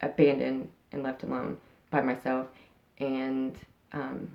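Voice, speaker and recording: In lo-fi sound, a woman in her thirties with a bass, monotone, creaky voice speaks slowly. As interviewee and channel host, she talks frankly in a casual interview, rambling with many fillers and restarts.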